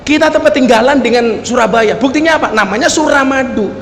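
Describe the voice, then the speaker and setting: A man's voice: very high-pitched, fast talker, fairly bright tone. A man voicing a stubborn male minibus driver from the island, arguing insistently in a joke told during a sermon. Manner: insistent, argumentative.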